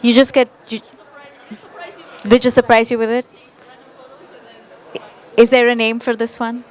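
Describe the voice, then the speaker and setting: A woman moderating a conference panel, measured and full of uhs as she introduces speakers. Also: on the high side, monotone, some chatter behind.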